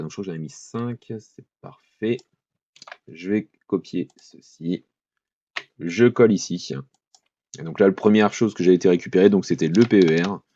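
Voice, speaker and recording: A man narrates a spreadsheet tutorial in a fairly low voice. He talks in a loose, thinking-aloud way, with fillers and quick apologies as he clicks along. The recording is dull and lo-fi, with keyboard typing behind him. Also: dark tone, dry recording. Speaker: finance tutorial host.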